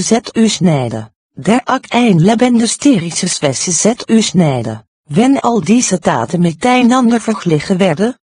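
Husky synthetic narrator of unclear sex. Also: mid-range voice, darkish tone, dry recording. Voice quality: synthetic computer voice. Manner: stilted phrasing with odd pronunciations. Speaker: audiobook reader. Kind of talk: scripted narration.

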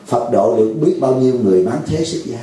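A man's voice: medium pitch, animated, fast talker, warm tone, heavy reverb, low-quality recording. A man giving a dharma talk to a lay audience, jovial and teasing, acting out a pleading caller. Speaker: Buddhist monk teacher.

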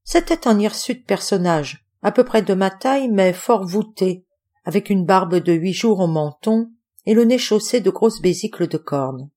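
A woman reading an adventure novel aloud as scripted audiobook narration, measured and expressive. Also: mid-range voice. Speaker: audiobook reader.

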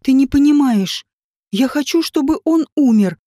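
A woman's voice: high-pitched, lively intonation, unhurried, dark tone, dry recording, clean studio sound. A woman voicing a grieving, tearful wealthy woman set on revenge, read in an audiobook. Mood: distraught. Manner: tearful and tense. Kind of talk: audiobook character reading.

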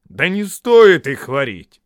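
Мужчина озвучивает старого волшебника, который хитро и протяжно подделывает голос тролля. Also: male voice, a little high, very animated, slow pace, clean tone, no echo, clean studio sound, voice pushed up. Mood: wheedling. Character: old wizard mimicking a troll's voice.

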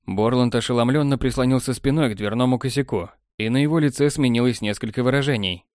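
Steady male audiobook reader, mid-range voice, recorded dry and close. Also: mid-range voice, no room sound. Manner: even, measured storytelling. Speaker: audiobook narrator. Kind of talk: scripted narration. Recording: dry close studio sound.

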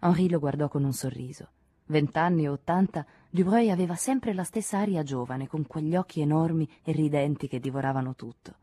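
A woman reading a literary novel aloud in a measured, expressive narration. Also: low voice, no echo. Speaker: audiobook reader.

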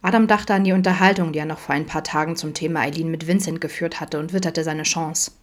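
Lower-voiced woman reading a story. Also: fairly even intonation, fast talker. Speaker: audiobook narrator. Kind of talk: audiobook narration.

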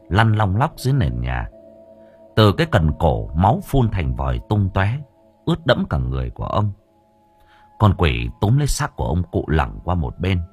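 A man narrating a horror story for an audiobook in an expressive, dramatic storytelling voice. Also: sits low, slightly rough.

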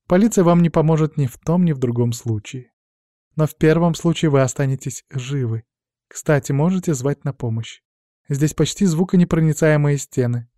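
A male reader puts on the voice of a cold, vengeful young woman, raising it to a fairly high, lighter register while keeping it natural, and drawls her threats slowly and mockingly. The tone is dark and mellow, and the dry, close recording with no echo makes it feel intimate, like a storybook read aloud.

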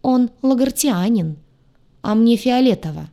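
A woman doing a shrill, jealous alien girl. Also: lively intonation, a little slow, vocal fry, mellow. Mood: scornful. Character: young redheaded alien woman, jealous, rude.

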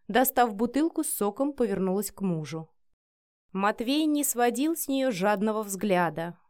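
A woman reading a novel chapter aloud in a steady, expressive narrating voice. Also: mid-range voice. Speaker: audiobook reader. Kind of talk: scripted story narration.

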